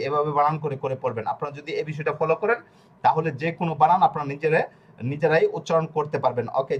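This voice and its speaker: A man's voice: fairly high pitch, muffled recording. A man teaching pronunciation in an online class, breaking words into syllables and spelling them letter by letter. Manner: tells students to stay muted. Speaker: language teacher.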